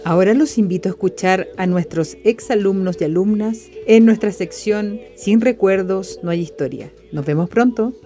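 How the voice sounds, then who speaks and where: A woman narrating a legend for children in a gentle, unhurried way. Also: medium pitch, soft background music. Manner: slow, gentle storytelling. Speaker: school radio presenter.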